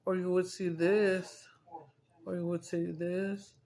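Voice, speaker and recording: A woman's voice: on the low side, flat delivery, slow pace, dark tone. A middle-aged woman, chatting loosely while eating on camera, swearing and slipping into Spanish. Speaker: mukbang streamer. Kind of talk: casual chat while eating.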